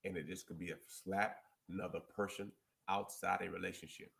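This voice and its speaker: Deep gravelly preachy man. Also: little pitch movement, fairly bright tone. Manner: emphatic and preachy, repeats points slowly. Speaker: relationship advice host. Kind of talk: casual advice chat with scripture quotes.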